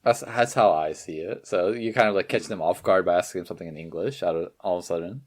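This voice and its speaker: Easygoing low-voiced man co-hosting a podcast. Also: fast. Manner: easygoing, agreeable, many fillers. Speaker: podcast co-host. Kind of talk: casual podcast chat.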